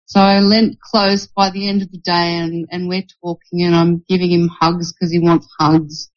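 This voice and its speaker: A woman's voice: on the low side, flat delivery, normal speed. Candid woman telling a personal story. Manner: candid, laughs through her story. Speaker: group participant. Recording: muffled lo-fi.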